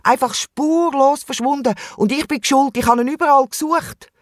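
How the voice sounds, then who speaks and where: Swiss german guy doing a worried wombat, high voice, whiny, kids radio story. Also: moderate pace, no room sound, studio quality, lightly acted. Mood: distraught. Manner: fretful and wailing. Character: anxious, guilt-ridden male wombat. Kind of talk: children's radio play.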